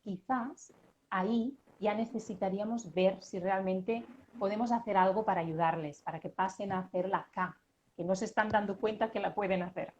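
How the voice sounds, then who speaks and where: A woman's voice: mid-range voice, moderate pace, a little mellow, dull audio, a little hiss or hum. A woman speech therapist, patiently explaining child pronunciation in conversation. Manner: patient, explains with sound examples.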